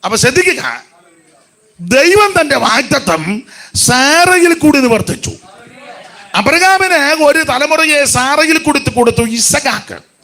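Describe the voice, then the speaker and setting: A man preaching a sermon in an animated way, rising to shouts and dropping to soft asides. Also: extremely high pitch, unhurried, long pauses.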